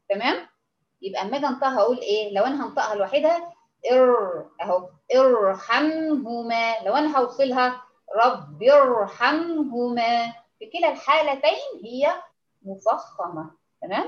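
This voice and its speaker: An Egyptian woman teaches recitation rules over an online call, explaining patiently and pausing to ask her students whether it's clear. Her voice sits a little high. The audio is dull and roomy. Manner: patient, keeps checking understanding with endearments. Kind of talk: online tajweed lesson.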